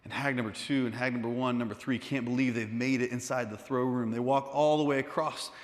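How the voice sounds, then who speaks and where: A man telling a lively story to students in a conversational way, with asides to his listeners. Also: medium pitch, brisk. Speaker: speaker. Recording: echoey hall.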